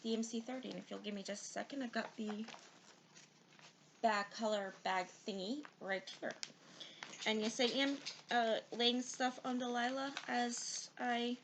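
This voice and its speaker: A woman with a somewhat high voice chats casually and teasingly about her stitching projects. A faint hiss of background noise sits under her voice. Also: fairly even intonation, unhurried. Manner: teasing, joking. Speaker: co-host. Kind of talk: casual chat.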